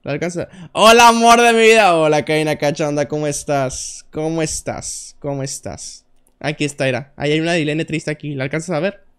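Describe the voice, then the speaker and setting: A young man with a Mexican accent streaming a puzzle game live, joking loudly, swearing and answering his chat. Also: on the high side, little pitch movement, brisk, smooth. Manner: loud and joking, swears often, reads chat aloud.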